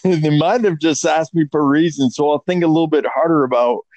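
A man's voice: fairly high pitch, brisk, a little mellow, highs cut off. A man co-hosting a podcast, talking candidly and reflectively, hesitating and repeating phrases. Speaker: podcast co-host. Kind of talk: candid personal talk.

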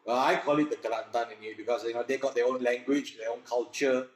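A man's voice: medium pitch, steady tone, fast talker, roomy sound. A young Malaysian man telling stories in a casual, laid-back podcast chat.

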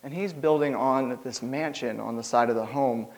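A man's voice: mid-range voice, normal speed, low-quality recording. A young man giving an informal church sermon, rambling nervously with lots of fillers and laughs.

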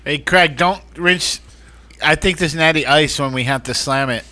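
A man on a podcast, chatting in a self-deprecating, expressive way with his friends. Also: fairly high pitch, moderate pace, no echo. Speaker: podcast co-host. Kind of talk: casual podcast banter.

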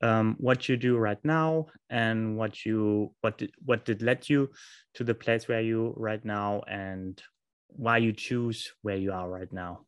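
A man interviewing, asking a halting opening question with several restarts. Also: on the low side, fairly even intonation, clear, resonant tone, dry recording, clean studio sound.

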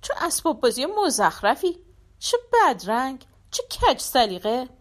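A disdainful office colleague with a sharp, sneering tone, as a woman reader puts her on. She speaks in a raised, lively voice, brushing everything off as worthless, read from a storybook. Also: high voice. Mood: scornful. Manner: sneering, dismissive. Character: scornful middle-aged female office colleague.

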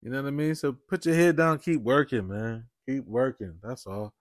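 Laid-back rambling podcast host, dry sound. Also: male voice, medium pitch, moderate pace, no echo. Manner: laid-back, rambling, says "you know what I mean" often. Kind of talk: casual solo podcast talk.

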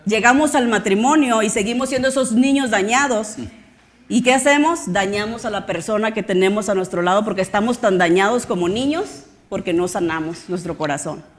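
A woman pastor preaching a sermon with passion, acting out the voices of shouting parents. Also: medium pitch, fairly quick. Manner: impassioned preaching with acted-out quotes of shouting parents.

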